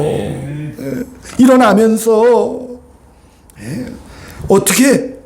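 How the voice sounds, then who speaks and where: A male pastor preaching a Sunday sermon in an animated, conversational way, often calling out for amens from the congregation. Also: sits high.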